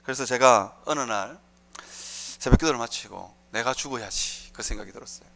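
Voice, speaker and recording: A man's voice: mid-range voice, a little fast, creaky, pushed and bright. A middle-aged man with a Gyeongsang accent, preaching an impassioned sermon full of rhetorical questions. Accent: Gyeongsang Korean. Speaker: pastor.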